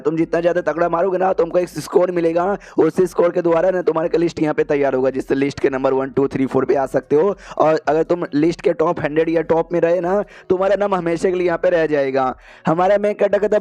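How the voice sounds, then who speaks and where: A man's voice: fairly high pitch, a little mellow, no room sound. A man narrating a comic story recap in a casual, slangy way, quoting the characters as he goes. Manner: chatty, slangy, quotes characters in passing.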